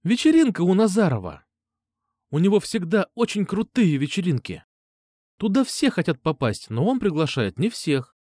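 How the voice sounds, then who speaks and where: A man reading an audiobook, voicing a sweet, coaxing schoolgirl who pleads softly. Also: sits high, sing-song, normal speed, no echo, clean studio sound, pitched above the performer's own voice. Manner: pleading, soft. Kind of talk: audiobook character voice.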